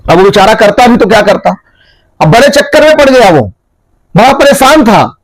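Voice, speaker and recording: High-voiced man telling a folksy anecdote. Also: sing-song, moderate pace, dry recording, rough recording. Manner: folksy anecdotal, talks straight to viewers. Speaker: political commentator. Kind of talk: storytelling political commentary.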